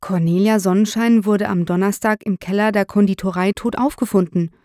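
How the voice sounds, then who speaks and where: A woman's voice: medium pitch, fairly even intonation, brisk, darkish tone, no echo, clean studio sound, natural voice. Brief: female narrator voicing a firm middle-aged detective, probing, crime audiobook. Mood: stern. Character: stern middle-aged male police detective.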